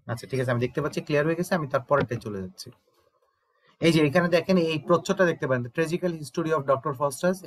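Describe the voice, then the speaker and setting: A Bangladeshi man teaching an online exam-prep lesson, explaining step by step and often checking that students understand. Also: mid-range voice. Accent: Bangladeshi Bengali.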